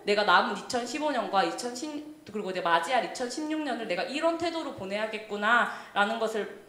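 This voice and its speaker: A young adult woman leader preaching a sermon in a church, telling stories in an animated way and speaking directly to the congregation. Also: mid-range voice. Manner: animated storytelling, often laughing, addresses the congregation directly. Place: church sanctuary. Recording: echoey church hall.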